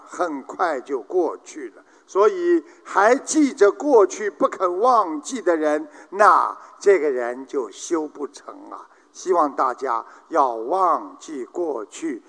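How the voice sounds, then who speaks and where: A man preaching a Buddhist sermon at an unhurried pace, his pitch rising and falling widely. His voice sits fairly high for a man, and a long reverb trails his words through a large hall. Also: fairly bright tone. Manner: slow, measured preaching, acting out joke characters. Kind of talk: sermon with jokes.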